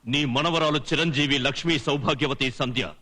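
A man's voice: on the high side, moderate pace, natural voice. An actor playing an outraged father who sarcastically scolds his eloped daughter and her new husband in a comedy film scene. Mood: indignant.

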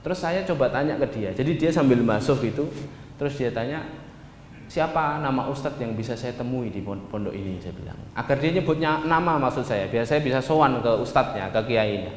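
Male Indonesian storyteller, animated, long hall reverb. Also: mid-range voice, a little fast, a little hiss or hum. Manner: lively, addresses listeners as "Pak", acts out dialogue. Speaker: speaker recounting a journey. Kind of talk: storytelling talk to an audience.

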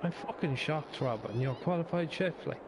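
Sweary man chatting over clear background noise. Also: fairly high pitch, a little fast. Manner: colloquial, sweary. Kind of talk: casual chat. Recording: noisy voice chat with engine sound.

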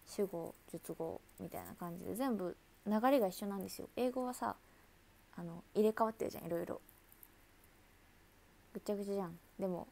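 A woman's voice: medium pitch, gravelly. A woman idol chatting casually with viewers on a livestream, talkative and laughing often.

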